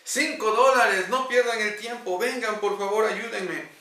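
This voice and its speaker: A man voicing a desperate male missionary who shouts and pleads for help. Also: takes it slowly, exaggerated voice. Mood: pleading shouts. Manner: pleading, high-pitched shouting. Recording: echoey room, distant mic.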